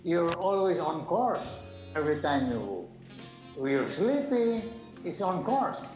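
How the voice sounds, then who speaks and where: A man's voice: on the high side, big pitch swings, takes it slowly, echoey room, over music. A man co-hosting an interview, asking questions in a rambling, hesitant way. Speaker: co-host.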